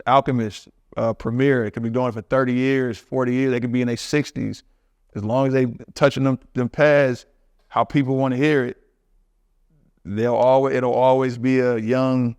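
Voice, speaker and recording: A man's voice: mid-range voice, vocal fry, darkish tone, dry recording. A middle-aged man, talking loosely as an interview guest, rambling and restarting with plenty of slang. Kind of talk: casual interview talk.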